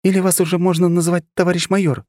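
A man voicing a persistent young female lieutenant, speaking in a much higher, coaxing voice. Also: level tone, racing, a little mellow, no room sound, studio quality, lightly acted. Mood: teasing. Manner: coaxing, insistent.

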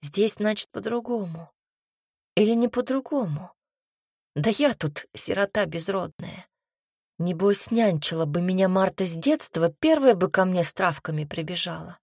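A woman reading a first-person audiobook in a measured, wry way. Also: fairly low pitch, expressive, darkish tone, no room sound, clean studio sound. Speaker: audiobook narrator.

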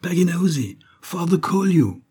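A man voicing a lively, playful little girl with an English accent in an audiobook, raising his voice high and eager. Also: moderate pace, breathy edge, natural voice. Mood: calling out.

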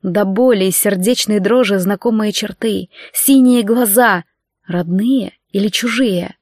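A woman's voice: mid-range voice, measured pace, a little mellow, dry recording, clean studio sound. Woman reading a novel aloud. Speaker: audiobook narrator. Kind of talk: scripted narration.

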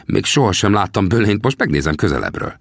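A calm, curious young surveyor, voiced by a man reading an audiobook, with a low, gravelly voice. His plain replies come across close and dry, with no room sound. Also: no echo, exaggerated voice.

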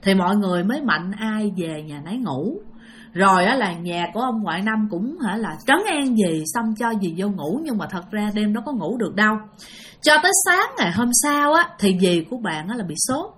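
A woman's voice: medium pitch, normal speed, slight background noise. A woman with a Southern Vietnamese accent telling a ghost story casually, chatting straight to her listeners. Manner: animated, addresses listeners directly.

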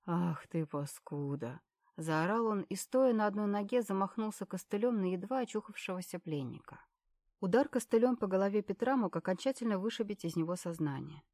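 A woman narrating an audiobook in an even storytelling manner. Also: mid-range voice, fairly quick, no room sound.

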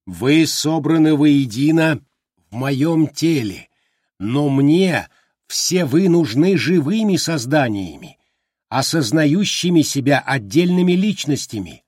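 Man doing the booming Glimmung creature. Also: animated, a little mellow, breathy edge, no echo, clean studio sound, heavily acted. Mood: commanding. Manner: slow, booming, insistent. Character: vast ancient sea creature, commanding and deliberate.

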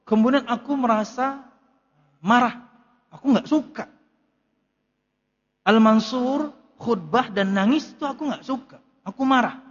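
A very high-pitched ustadz with a fairly bright tone reads Arabic lines during a kitab study and explains them one at a time in casual, chatty Indonesian. The muffled recording was made in a large hall.

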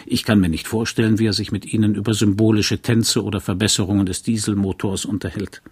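A man reading the part of a lonely, bookish small-town lawyer who speaks in a dry, wry and courteous way, in a low, husky voice. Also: flat delivery, fast, a little mellow.

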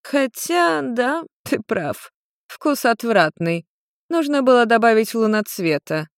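Woman putting on a prim tipsy witch, higher voice, dismissive, storybook. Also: big pitch swings, takes it slowly, gravelly, no echo, studio quality, exaggerated voice.

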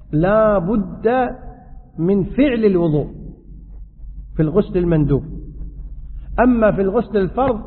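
Man, sheikh, religious lesson, answers questions, tinny echoing hall recording. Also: high voice. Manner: quick, explanatory, answers questions. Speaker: sheikh teaching fiqh. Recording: tinny, echoey hall sound.

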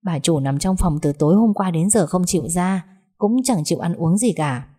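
A woman's voice: lowish voice, moderate pace, mellow, slightly rough. A woman voicing a polite, deferential household maid in a narrated story. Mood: worried.

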